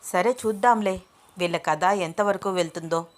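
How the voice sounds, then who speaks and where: A woman voicing a gentle, earnest young man in an audio story. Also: lowish voice, moderate pace, natural voice. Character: kind, puzzled young man, Abhiram.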